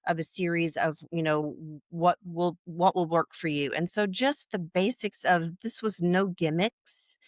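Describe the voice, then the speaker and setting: Low-voiced woman in her sixties. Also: steady tone, no echo, clean studio sound. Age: 60s. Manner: halting, many fillers and restarts. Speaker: client interviewee. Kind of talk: casual interview.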